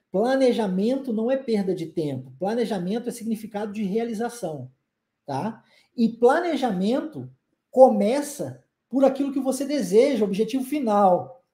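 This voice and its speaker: Lively Brazilian woman teaching English. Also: on the high side, reverberant. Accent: Brazilian Portuguese. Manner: lively, coaxing, with frequent check-ins to the listener; says English model sentences slowly and deliberately. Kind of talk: live online language lesson.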